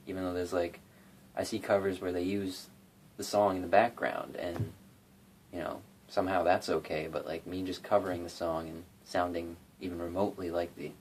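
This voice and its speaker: Speaking in a deep, somewhat mellow voice, a young YouTube cover singer and guitarist wanders casually through the topic of covering songs, often restarting and leaning on fillers. The bedroom phone recording carries slight background noise, fitting its loose vlog feel.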